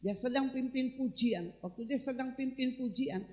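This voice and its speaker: Woman pastor, sermon, chatty conversational storytelling to the congregation, mellow tone. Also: high voice, normal speed. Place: church service.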